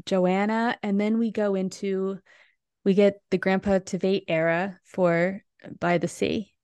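A woman's voice: medium pitch, little pitch movement, takes it slowly, darkish tone, clear, resonant tone, no room sound. A woman co-hosting a podcast, recapping a musical in casual, rambling chat full of restarts. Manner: chatty, lots of "like" and restarts. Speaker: podcast co-host.

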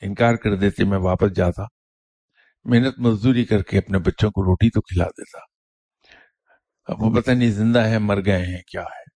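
A man's voice: on the low side, a little mellow, no room sound, natural voice. A man voicing a ruined, bitter middle-aged father who speaks with indignant resentment.

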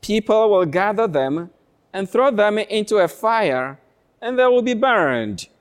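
Male priest, solemn scripture reading, measured delivery, slightly high voice, very expressive pitch. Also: clean tone. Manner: measured, deliberate. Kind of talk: solemn Gospel reading and address to a congregation.

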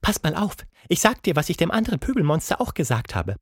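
A storyteller voicing a giant female ape who is gruff, then scatterbrained and stammering, in a children's audiobook. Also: medium pitch, big pitch swings, fast, no room sound, clean studio sound, voice pushed up. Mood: grumpy. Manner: flustered and stammering. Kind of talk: storybook reading.

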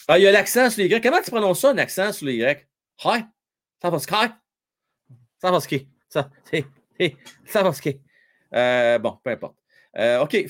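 A talkative man with a Quebec French accent hosts a casual live stream about hockey. His voice sits a bit high and swings widely in pitch as he jokes and chats with viewers. He talks loosely and fills his speech with little "euh"s. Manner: chatty, jokey, reads viewer comments aloud, many fillers.

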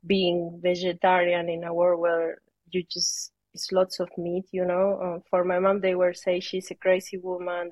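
A woman's voice: lowish voice, darkish tone, no echo, dull audio. A woman from Peru speaking English with a Peruvian Spanish accent, a yoga teacher chatting as an interview guest, hesitant and searching for words. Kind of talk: casual interview chat.

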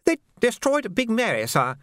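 A jittery young soldier blurts out bad news in a high, strained voice, as a man puts him on. He is deferential, keeps adding "sir", and sounds close to panic. The delivery is lively, and the recording is dry and close. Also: moderate pace, no room sound, full character voice. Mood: nervous, apologetic. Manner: anxious, stammering, deferential. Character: nervous young male sub-lieutenant messenger.

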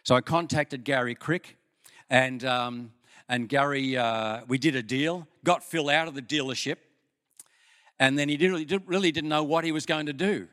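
An older Australian pastor preaching a sermon in a church, with folksy stories and an unhurried manner. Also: male voice, mid-range voice. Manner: folksy storytelling, lively with pauses. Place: church hall.

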